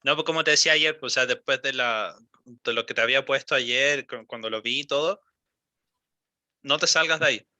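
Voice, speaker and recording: Young guy teaching english on a call, patient, lots of ums, repeats words slow, sharp tense voice, dry sound. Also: medium pitch, dry recording. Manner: patient, repeats and models words slowly, many fillers. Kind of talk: one-on-one pronunciation coaching.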